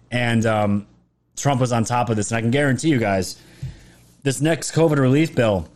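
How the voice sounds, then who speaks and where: A man with a medium-pitched, darkish voice is losing it to a sore throat as he delivers a casual livestream monologue. As a political commentator, he rambles emphatically and keeps restarting his phrases.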